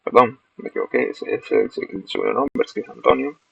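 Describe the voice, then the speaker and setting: Gravelly young man. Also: medium pitch, fairly even intonation, brisk, fairly bright tone, no room sound. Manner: explains step by step, self-corrects. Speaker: student presenting a project. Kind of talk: screen-recorded software demo. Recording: dull, lo-fi dry recording.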